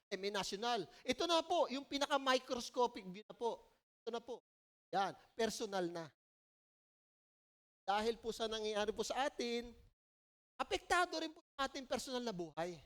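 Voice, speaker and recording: A woman with a Filipino accent preaching a sermon at a church service in a conversational, animated way, often checking in with the listeners. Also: fairly high pitch, normal speed, long pauses. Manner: conversational, animated storytelling, frequent "po" and "no?".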